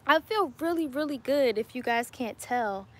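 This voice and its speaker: A woman's voice: sits high, expressive, normal speed, a bit bright. A woman in her late twenties chatting casually with viewers on a livestream, upbeat and laughing often, recorded outdoors on a phone at arm's length. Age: 20s. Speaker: YouTuber answering live chat. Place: outdoors in a home garden. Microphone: webcam or phone at arm's length.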